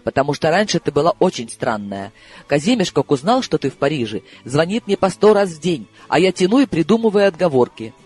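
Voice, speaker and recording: A man reading an audiobook, voicing a nervous, excitable male friend who rambles and pleads. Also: fairly high pitch, fairly quick, breathy edge, faint music behind. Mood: defensive. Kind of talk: audiobook character voice.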